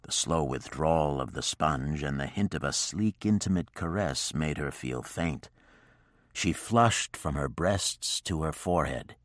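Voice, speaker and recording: A man narrating a historical romance audiobook in a steady, even storytelling manner. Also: extremely low pitch, measured pace, no room sound, clean studio sound.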